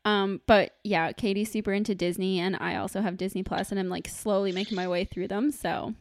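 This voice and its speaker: A woman's voice: medium pitch, steady tone, a little fast, no room sound, studio quality. A woman chatting casually and informally as a podcast co-host, recorded at home on a microphone. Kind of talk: casual chat.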